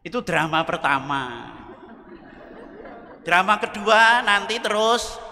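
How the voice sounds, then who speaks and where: A priest delivers a humorous, story-filled homily, slipping into little impressions of people. His voice sits high and very bright. A long reverb trails each phrase through the church. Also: lively intonation, slow, gravelly, a little hiss or hum. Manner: storytelling, playful, mimics people.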